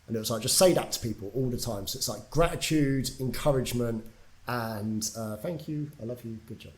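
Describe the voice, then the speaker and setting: A young Englishman, a native English speaker with a mid-range voice, talks fairly quickly as a podcast guest. He tells his story candidly and casually, swearing freely and filling gaps with lots of fillers.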